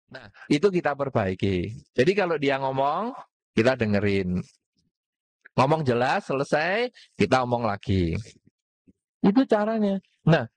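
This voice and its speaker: Male Dhamma speaker, animated, dry close sound. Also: a little high, no echo. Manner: asks the audience rhetorical questions; mixes in Javanese words. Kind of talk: Dhamma talk to an audience.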